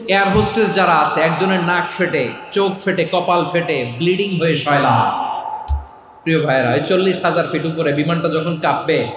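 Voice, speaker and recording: High-voiced man preaching with echo. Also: a bit bright, slight background noise. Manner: calls out questions to the crowd and demands they answer aloud; chants the dhikr in a drawn-out sung voice. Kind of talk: Islamic sermon to a large gathering.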